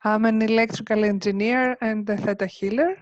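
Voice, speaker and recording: A woman's voice: medium pitch, fairly even intonation, a little fast, dry recording. Woman on a dry, dull call line. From Greece. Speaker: electrical engineer and healer. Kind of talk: self-introduction on a video call. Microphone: video call.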